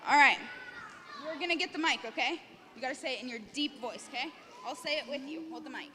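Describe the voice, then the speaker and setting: A woman leading children at camp, upbeat and coaxing, reciting scripture slowly and loudly. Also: high voice, a faint crowd. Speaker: kids' camp leader. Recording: long hall reverb, faint noise.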